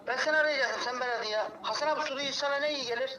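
A man's voice: extremely high pitch, very fast, poor audio. A man chatting casually, recorded with heavy ambient noise around him. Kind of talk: casual chat. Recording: loud background ambient noise.

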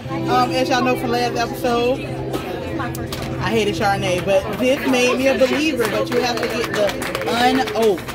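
A woman speaking candidly and folksily straight to the viewers. Loud music and a busy crowd surround her. The setting is an outdoor patio. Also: on the high side, steady tone, moderate pace. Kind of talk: casual chat addressing viewers.

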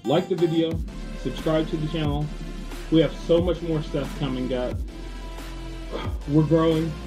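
A young man vlogging from his home kitchen, chatting casually and relaxed to the camera, laughing at himself now and then. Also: fairly high pitch, measured pace, rough recording. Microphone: camera on a counter, close. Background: background music.

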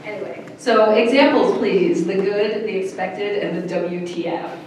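A woman's voice: medium pitch, measured pace, a little mellow. A woman moderating a convention panel, joking and playful as she sets the rules and asks for examples. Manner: playful, joking, laughs often. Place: large echoey convention room. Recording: echoey hall recording from far off, with noise.

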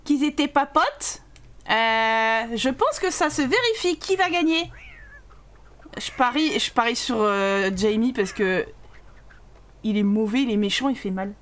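A young woman giving casual commentary while playing a life-sim game, animated and exclaiming, swearing when things go wrong. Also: fairly high pitch, a little slow. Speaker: gaming YouTuber. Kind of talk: casual let's-play commentary.

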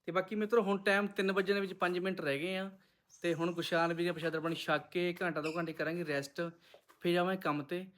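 Punjabi guy doing a vlog, talks real quick, kinda high voice, chatty with viewers. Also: flat delivery, fairly bright tone. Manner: chatty, addresses viewers as friends. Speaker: vlogger. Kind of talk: casual vlog narration to viewers.

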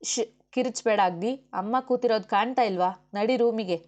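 A woman's voice: fairly high pitch, normal speed, darkish tone, lo-fi sound, lightly acted. Brief: woman reader voicing a principled young woman official, firm and outspoken, in an audiobook. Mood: arguing. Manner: firm, argumentative. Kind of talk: audiobook character voice.

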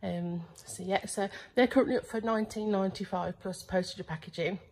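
A middle-aged woman talks casually to her camera, rambling with plenty of ums and uhs. Her pitch sits in the ordinary middle for a woman, and there is a faint hiss of noise behind her. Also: steady tone, fairly quick, low-quality recording. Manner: chatty, rambling, many fillers; talks quietly inside the unit. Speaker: online reseller. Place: storage unit.

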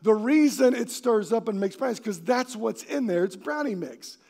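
A male pastor delivers a sermon in a church, his voice pitched high with a gravelly rasp. He preaches in an animated way, acting out the quoted voices and now and then shouting to drive a point home. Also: normal speed. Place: church sanctuary.

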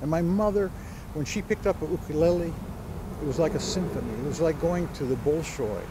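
A Hawaiian man in his sixties tells family stories as a guest in a conversational interview, held outdoors on palm-lined grounds beside a church. He's an animated storyteller who gestures as he talks, with a fairly high-pitched voice and a brisk pace. Background noise is present.

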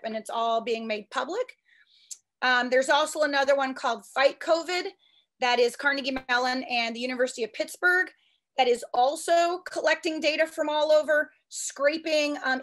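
A woman who is a statistics professor giving a quick, eager conference talk with frequent restarts. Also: high-pitched, a bit bright. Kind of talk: fast conference presentation.

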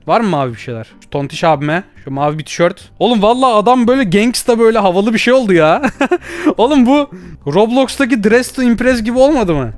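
Brief: young male gamer, high voice, rapid-fire teasing commentary, faint music underneath. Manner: excitable, teasing, bursts of shouting and laughter. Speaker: gaming YouTuber. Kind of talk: playful VR gameplay commentary.

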